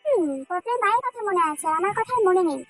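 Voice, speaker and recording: A woman's voice: very high-pitched, lively intonation, soft background music, low-quality recording. A woman voicing a sulky, hot-tempered teenage girl in love who takes offence easily, in a dubbed fan drama. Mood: angry. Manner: pouting, quick to take offence.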